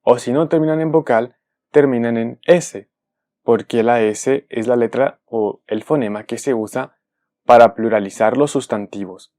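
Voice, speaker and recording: A man, a native speaker, giving a careful explanatory video lesson, often pausing to rephrase himself. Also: medium pitch, warm tone. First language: Spanish. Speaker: language teacher.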